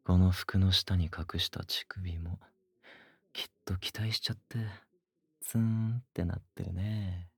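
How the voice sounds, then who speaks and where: A man doing a cocky, teasing young man, low husky whisper. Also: steady tone, measured pace, no echo, heavily acted. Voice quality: husky whisper close to the ear. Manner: taunting, smug, crude. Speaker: voice actor. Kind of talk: whispered ASMR audio drama.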